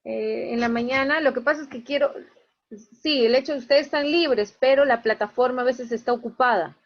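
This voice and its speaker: A woman teaches online, moving through her students' marks one by one and explaining each in a no-nonsense manner. She talks a little fast in a high voice, and the sound is muffled.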